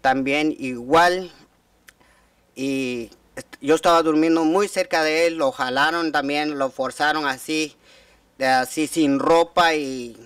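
A man in his thirties testifying at a formal hearing, speaking haltingly with frequent restarts. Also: on the high side, steady tone, fairly bright tone, smooth, no room sound, recorded from a distance. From Guatemala. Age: 30s. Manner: halting, many restarts and repeated words. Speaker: witness giving testimony. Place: hearing room.

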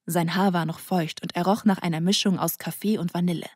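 A woman reading an audiobook in a soft, intimate narration that sometimes falls to a near whisper. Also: lowish voice, fairly even intonation, fairly quick, slightly rough, no room sound, clean studio sound. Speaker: audiobook reader. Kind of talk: scripted narration.

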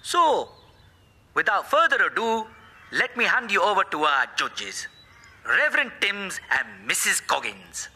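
A man's voice: sits high, very animated, measured pace, bright, forceful tone, husky, heavily acted. A man playing a cheerful, proud village festival announcer in a children's cartoon, with an upbeat public-announcement delivery. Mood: proud, welcoming. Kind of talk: children's stop-motion cartoon acting.

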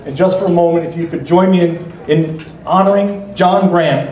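Middle-aged american guy introducing a speaker at a podium, earnest and measured, echoey banquet hall, sounds far from the mic. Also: on the high side, highs cut off, very noisy. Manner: measured, earnest speech with drawn-out emphasis. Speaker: speaker introducing the keynote at a political gala. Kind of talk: formal introductory speech with light jokes. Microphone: podium microphone, filmed from across the room.

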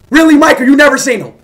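A young man streaming from a small room on a headset, talking casually on a video call, excitable and swearing, often shouting and yelping. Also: extremely high pitch. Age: young adult. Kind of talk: loud casual chat on a live video call. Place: small room indoors at a desk. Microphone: headset mic.

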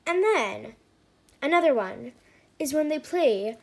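A woman's voice: high-pitched, animated, slow, creaky, darkish tone. A woman hosting a comedic slime skit, exasperated and sarcastic, with lots of fillers. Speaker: channel owner.

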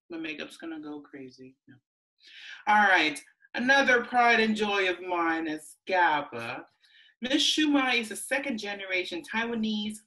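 A woman's voice: medium pitch, sharp tone, distant mic, poor audio. A woman with a Filipino accent hosting a livestreamed pride stage show, chatty and playful with joking asides. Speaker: event host.

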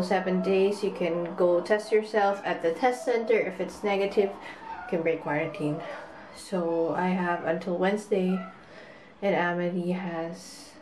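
A young woman with a Filipino accent chatting casually to a camera, mixing Tagalog into English and trailing off. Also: mid-range voice. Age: young adult. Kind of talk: casual chat vlog. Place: apartment kitchen indoors. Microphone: camera at arm's length. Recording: roomy kitchen, light background noise.

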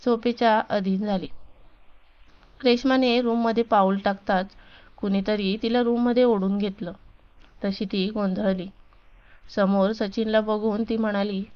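A woman narrating a romantic storybook in a calm, even reading. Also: mid-range voice, unhurried, clear, resonant tone, highs cut off.

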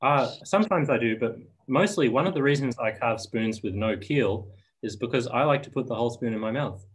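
A man demonstrating spoon carving on a video call, talking in a soft, hesitant way with frequent ums and restarts. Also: medium pitch, brisk, husky, rough recording. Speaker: spoon carver giving a demo. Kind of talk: casual video-call discussion.

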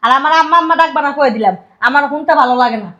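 An actress playing a sharp-tongued middle-aged stepmother who scolds sarcastically. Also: sits high, lo-fi sound. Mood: scolding. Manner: scolding, sarcastic, rapid retorts.

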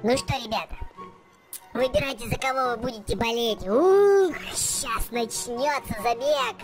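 A video host giving excited game commentary for kids in an exclamatory way, repeating words in bursts. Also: medium pitch, moderate pace, music in the background.

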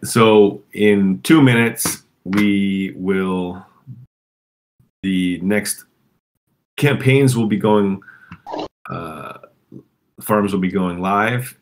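A man's voice: low-pitched, slight background noise. A man with a sore throat hosting a casual community call, rambling with fillers and restarts.

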